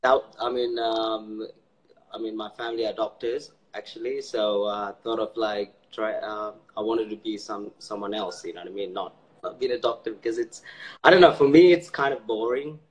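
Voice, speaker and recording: A man's voice: fairly low pitch, moderate pace, rough recording. Hesitant young man on a video call. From Sri Lanka. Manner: hesitant, many fillers and restarts, laughs easily. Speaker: guest, video director. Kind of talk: casual interview chat. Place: indoors, dark room, video call. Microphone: video call mic.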